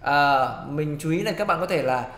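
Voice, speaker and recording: A man teaching a singing lesson, explaining technique in quick spoken tips and singing short phrases to demonstrate. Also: on the high side. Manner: brisk, explanatory, sings phrases then breaks them down. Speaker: vocal coach. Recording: echoey room with guitar backing. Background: loud guitar accompaniment.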